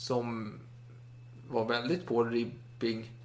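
Chatty man retelling history. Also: mid-range voice. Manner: animated retelling with acted quotes and laughs. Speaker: podcast co-host storyteller. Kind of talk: casual history chat.

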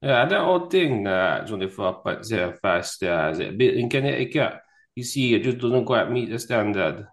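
A man's voice: fairly low pitch, animated, normal speed. A man voicing a folksy, pushy spaceship salesman with homespun sales patter in an amateur script reading. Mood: dismissive, pushy.

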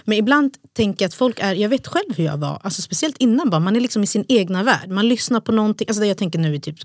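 A woman's voice: mid-range voice, animated, no echo, studio quality. A young woman co-hosting a podcast in casual chat, acting out the voices of the people in her story. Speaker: podcast co-host.

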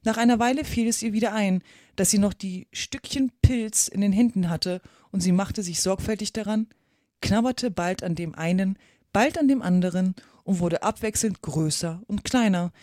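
A woman reading a children's classic aloud for a podcast, calm and softening at phrase ends. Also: medium pitch, moderate pace, no echo, studio quality. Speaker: podcast reader.

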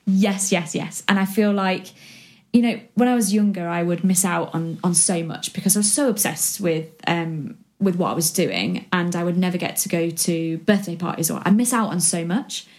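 A woman's voice: on the low side, normal speed, a little mellow. A woman in her twenties from West Yorkshire, chatting casually as a guest, rambling with lots of ums and likes. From West Yorkshire, England. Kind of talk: casual chat.

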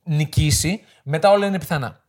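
A man in casual conversation, talking football with a fairly high voice for a man. He speaks in a plain, opinionated way, like a co-host trading predictions. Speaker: podcast co-host.

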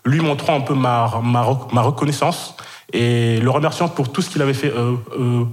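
He's in his twenties, from Senegal but brought up in Kenya, and he's telling his own story as a podcast guest. His voice sits mid-range at normal speed; his delivery is hesitant, laced with fillers, repeated words and frequent laughter.

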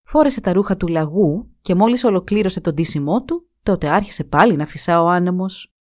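A woman narrates a folk tale in an expressive, dramatic way. Her voice sits a little low and rises and falls with lots of movement. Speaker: storyteller. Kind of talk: storybook narration.

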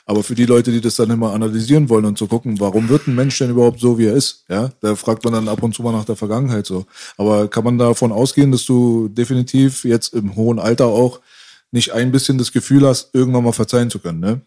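Male co-host, mellow voice, chatty and probing. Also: mid-range voice, steady tone, quick pace. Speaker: interviewer. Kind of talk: casual interview.

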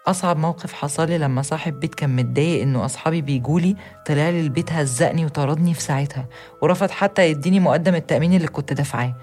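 A young woman with an Egyptian accent, giving an earnest, steady first-person account as a narrator. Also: low-pitched, rapid-fire, soft background music. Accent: Egyptian Arabic. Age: young adult.

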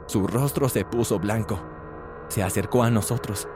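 A man delivers a scripted first-person tale at normal speed, animated throughout and altering his pitch for each character. The background is noisy.

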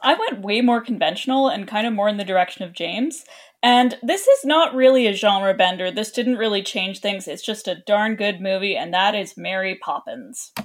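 A woman's voice: medium pitch, lively intonation, moderate pace. A woman co-hosting a podcast, giving eager, upbeat opinions about a film. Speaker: podcast co-host. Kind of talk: casual film discussion.

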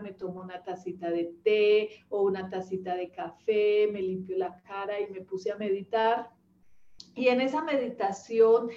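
A woman in her fifties talking in an unhurried, reflective way, often pausing with hesitations, as she shares personal thoughts. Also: mid-range voice, warm tone, echoey room, muffled recording, a little hiss or hum. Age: 50s. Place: rural home with animals nearby.

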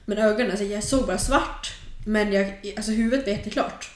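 A young adult woman telling a personal story in casual chat, animated and full of fillers. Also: mid-range voice. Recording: roomy echo.

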